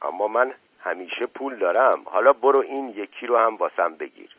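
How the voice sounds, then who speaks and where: A man's voice: lowish voice, animated, fairly bright tone, breathy edge, dry recording. A man voicing a short, heavy mullah, a middle-aged man eager to marry, who talks in a dismissive, self-assured way, heard on a lo-fi radio recording.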